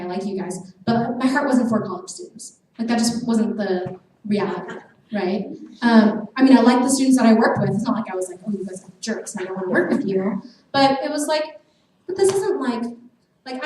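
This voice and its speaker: An earnest young woman speaks to students in a loose, chatty way, full of little fillers. Her voice is mellow and somewhat dark, and it reaches the mic from a distance. The large hall around her adds heavy echo and a faint hum. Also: mid-range voice. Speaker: guest speaker. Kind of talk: casual sermon talk to students. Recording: echoey hall from far off, faint noise.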